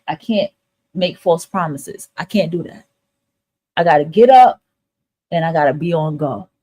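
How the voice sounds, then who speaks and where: This woman's fairly low, slightly mellow voice carries her spiritual advice livestream. She talks to listeners in an open, casual way, motivating them with emphatic, repetitive points and plenty of swearing.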